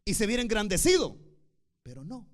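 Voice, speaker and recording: High-voiced, animated male preacher. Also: brisk. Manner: emphatic, swings between loud declarations and soft asides. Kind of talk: sermon.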